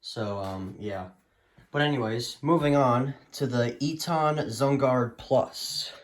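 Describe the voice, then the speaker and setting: Taking it slowly in a medium-pitched voice, a man shows off his radio collection as a hobbyist. The show-and-tell is casual and unscripted, his speech hesitant, with sentences that frequently trail away.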